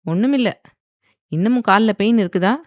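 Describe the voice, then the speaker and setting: A woman voicing a forceful, possessive young husband who speaks in a stern, commanding way in a storybook. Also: medium pitch, moderate pace, dry recording, studio quality, natural voice. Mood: caring.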